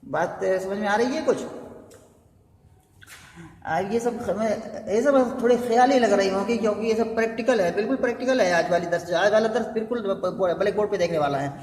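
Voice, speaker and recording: A man's voice: high voice, brisk, a little mellow, slight background noise. A man teaching a blackboard grammar lesson, patiently repeating each step and asking rhetorical questions as he goes. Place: classroom with a blackboard. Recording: echoey room with long reverb.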